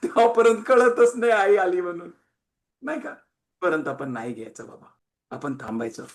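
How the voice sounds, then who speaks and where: A man preaching a sermon, emphatic, swinging between loud and quiet and repeating phrases in long lists. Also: high-pitched, lively intonation, moderate pace.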